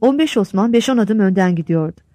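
A woman narrating a novel aloud in an expressive reading style, voicing each character. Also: medium pitch, fairly quick, no echo.

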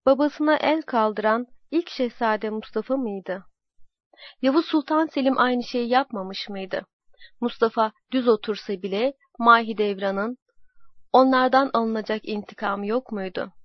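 A woman tells a historical tale in a slow, measured, dramatic manner. Her voice sits fairly high. The recording is dry and somewhat dull. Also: dry recording. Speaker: narrator. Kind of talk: scripted historical storytelling.

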